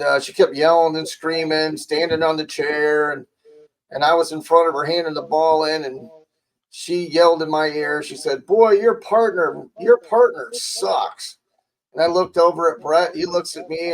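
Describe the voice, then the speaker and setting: A man's voice: fairly high pitch, flat delivery, moderate pace, rough recording. A man co-hosting a podcast, telling a chatty anecdote with many fillers. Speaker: podcast co-host. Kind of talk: casual storytelling.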